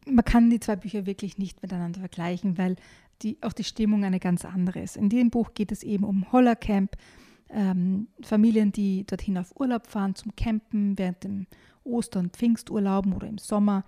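A woman with a warm, mellow voice talks about a book and then reads from it. She reads with lively expression and calls out the characters' shouts loudly. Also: mid-range voice. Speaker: book reviewer reading an excerpt aloud. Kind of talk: book chat and reading aloud.

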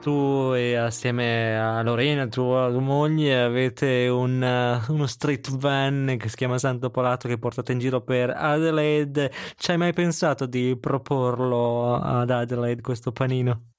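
A man's voice: medium pitch, fairly even intonation, a little slow, hardly any pauses, clean tone, no echo, clean studio sound, faint music behind. A man with a non-Sicilian Italian accent, hosting a podcast with narration and interview questions. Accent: Italian, not Sicilian. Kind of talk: scripted narration and conversational interviewing.

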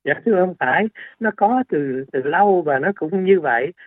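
On a tinny, phone-like radio line, a doctor guest explains things in an interview, hesitant and full of fillers and restarts. His voice is on the high side and expressive, at a moderate pace, with no room sound.

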